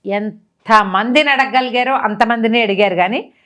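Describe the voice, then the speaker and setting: A middle-aged woman telling a dramatic story in a casual talk-show manner, lifting her pitch sharply for emphasis. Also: moderate pace. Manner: animated, swings up in pitch for emphasis. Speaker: storyteller guest.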